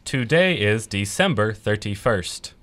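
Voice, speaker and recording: A woman giving short, deliberate model answers in a scripted English lesson. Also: a bass voice, expressive, a bit bright. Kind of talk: scripted language lesson dialogue.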